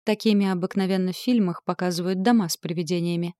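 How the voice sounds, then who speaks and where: A woman narrating a first-person fantasy audiobook in an expressive, lively way. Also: lowish voice, quick pace, dry recording.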